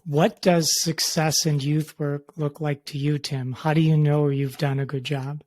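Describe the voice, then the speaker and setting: A man hosting a podcast who asks interview questions and affirms his guest warmly. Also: on the high side, flat delivery, measured pace, no room sound, clean studio sound. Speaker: podcast host.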